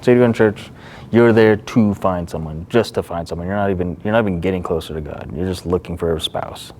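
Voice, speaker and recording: A man's voice: low-pitched, a little fast, a little mellow, a little hiss or hum. A man co-hosting a casual faith podcast, speaking earnestly and acting out what other people might say. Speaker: podcast co-host.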